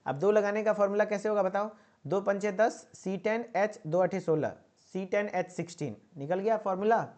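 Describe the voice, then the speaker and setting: Delivering an online exam-prep lecture for pharmacy students, this teacher keeps repeating points and prompting them with a coaxing "okay?". He speaks at a moderate pace in a high, slightly mellow voice.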